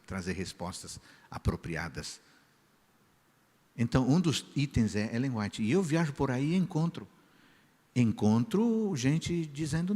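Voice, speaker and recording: Animated pastor preaching in a reverberant church. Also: male voice, mid-range voice. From Brazil. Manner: animated storyteller, acting out quoted voices. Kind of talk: sermon with storytelling. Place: large church hall.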